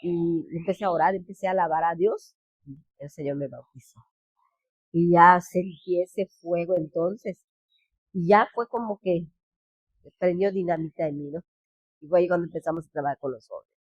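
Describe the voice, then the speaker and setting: A woman pastor with a Yucatán Mexican Spanish accent gives a personal testimony in an earnest, halting way, restarting phrases and quoting others. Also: lowish voice, no echo, dull audio. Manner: earnest, halting, with frequent restarts and quoted speech. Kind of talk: personal testimony, spoken storytelling.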